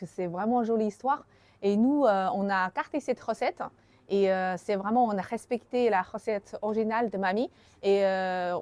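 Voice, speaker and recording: A woman's voice: mid-range voice, a little mellow, dry recording. Woman, hesitant. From China. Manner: simple, slightly broken French with hesitations. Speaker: tea shop manager. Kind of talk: casual interview answers.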